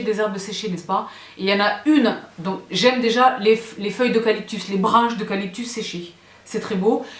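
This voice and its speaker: Chatty woman in a roomy studio. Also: mid-range voice. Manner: chatty, gushing, often checks in with viewers. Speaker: home decor vlogger. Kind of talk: casual show-and-tell vlog. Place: her home studio. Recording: roomy echo.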